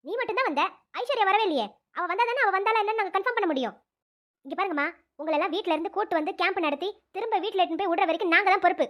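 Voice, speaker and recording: A woman's voice: extremely high pitch, expressive, rapid-fire, fairly bright tone. A woman playing a stern scolding cartoon teacher. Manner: scolding, authoritative. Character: stern middle-aged woman camp teacher. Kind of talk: cartoon voice acting.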